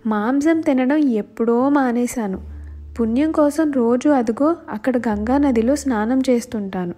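A woman voicing a sly male cat who pleads and flatters, pretending to be pious, in a storybook tale. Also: a little high, unhurried. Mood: flattering. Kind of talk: storybook voice acting. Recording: faint music underneath.

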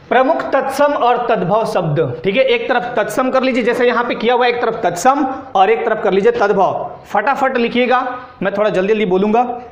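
A man with a high-pitched voice teaches an exam-prep grammar class. He dictates word pairs and keeps checking in with students through short tag questions. He sounds like he is in a room with plenty of echo. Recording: echoey room.

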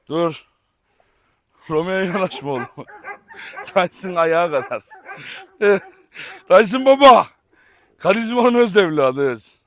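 A man vlogging outdoors as he handles his dogs, switching between affectionate baby talk and sudden shouts to keep them in line. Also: high-pitched. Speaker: dog breeder and vlogger. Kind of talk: casual vlog narration while handling dogs. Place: outdoor yard with dog kennels.

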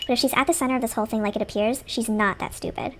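A woman reading the lines of an eager male doctor in a game, who reasons excitedly through clues. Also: a little high, very fast, close to an everyday voice. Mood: puzzled. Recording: loud background noise.

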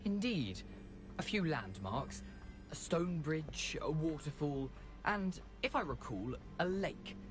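A wry, cryptic ghost in a video game. He draws out his words with a swooping, theatrical pitch. A music score plays under him. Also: big pitch swings, slow. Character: ghostly male thief guide, wry and cryptic.

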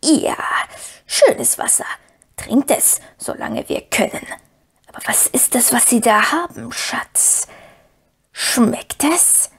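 Gollum, a breathy hissing creature. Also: female voice, a little high, lively intonation, slow pace, long pauses, voice pushed up, exaggerated voice. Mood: wheedling. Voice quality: breathy, whispering. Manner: wheedling, talks of himself in third person. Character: wretched hissing creature, sly and whining.

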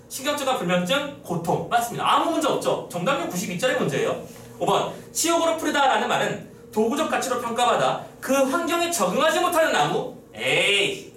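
Animated lecturer in an echoey room. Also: male voice, high voice, slight background noise. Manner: lively, teasing, talks to students casually. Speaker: Korean literature lecturer. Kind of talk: exam-prep lecture on a poem. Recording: echoey room, mic at a distance.

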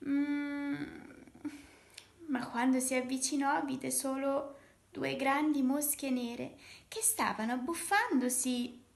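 A woman reading a children's picture book aloud, telling the story in a gentle, unhurried way. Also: sits high, gravelly. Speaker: storybook reader. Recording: echoey room.

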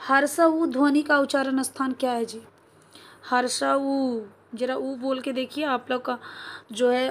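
Speaking in a high-pitched voice with a Bihari Hindi accent, a woman teacher works through exam questions. She poses questions to her class, answers them herself, and keeps asking whether it's clear.

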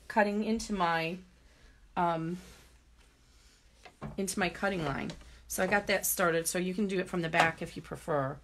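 A woman's voice: fairly low pitch, slight background noise. Chatty woman demonstrating embroidery live. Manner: chatty, greets viewers, talks through each step. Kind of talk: live-stream craft demonstration.

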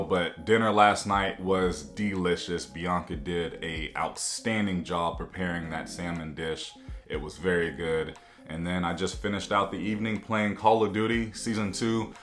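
A man in his thirties, a vlogger chatting casually to camera from his home office, gesturing a lot as he talks. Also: deep voice. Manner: animated, gestures a lot with both hands. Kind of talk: casual to-camera vlog chat.

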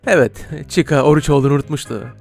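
A man's voice: fairly high pitch, very fast, creaky, darkish tone, soft background music. A man hosting a video, giving joking reaction commentary and laughing often. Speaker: YouTube host.

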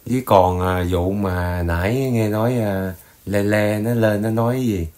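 A man's voice: lowish voice, fairly even intonation, a little slow, crowd noise. A man co-hosting a casual chat, mostly giving short agreeing replies. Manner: brief agreeing backchannel replies. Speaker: co-host.

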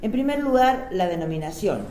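A woman's voice: medium pitch, expressive, a little fast, dark tone, slight background noise. A woman with a Córdoba Argentine accent gives a conversational lecture to teachers on a panel, peppering it with fillers and tag questions. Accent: Argentine Spanish, Córdoba. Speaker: panel speaker on civic education. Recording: echoey hall with faint ambience.

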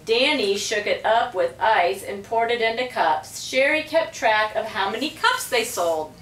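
With slight background noise, a principal's fairly high-pitched voice carries a slow, lively read-aloud of a storybook, expressive but measured. A camera microphone set at a distance captures her in a small block-walled room, giving a roomy sound.

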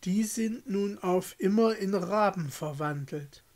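A grave old woman from a storybook, her voice dropped low and quiet as she gently reproaches a lost girl, put on by a male reader. She speaks slowly and sadly. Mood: sorrowful.

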